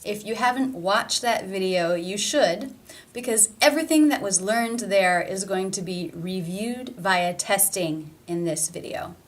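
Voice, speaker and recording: A woman leads a pronunciation lesson at an unhurried, careful pace. She states each rule plainly, then says the example word twice, slowly and deliberately. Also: medium pitch. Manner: slow and deliberate, repeating example words. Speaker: pronunciation teacher.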